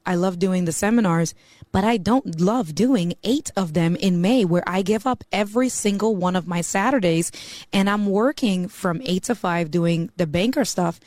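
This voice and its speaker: A mortgage banker from the US East Coast chats as a guest on a casual podcast, saying "you know" constantly. Her voice is on the low side and a little mellow, at a moderate pace with no echo.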